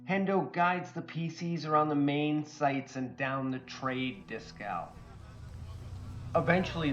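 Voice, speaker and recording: A man narrating a tabletop game recap as game master, in measured, even storytelling. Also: medium pitch, rough recording.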